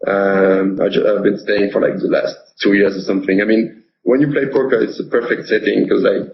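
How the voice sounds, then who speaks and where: A young man from France with a French accent, speaking in a halting way with many fillers as a guest in a casual interview. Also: fairly low pitch, fairly even intonation, vocal fry, dull audio, background noise. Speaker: poker pro guest.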